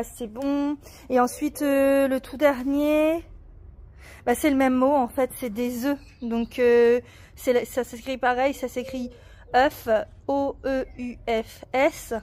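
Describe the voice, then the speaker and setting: High-voiced, patient, encouraging woman. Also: steady tone, darkish tone. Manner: patient and encouraging, spells words slowly letter by letter. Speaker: parent guiding a child's treasure hunt. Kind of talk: casual family video chat. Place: outdoors in a garden.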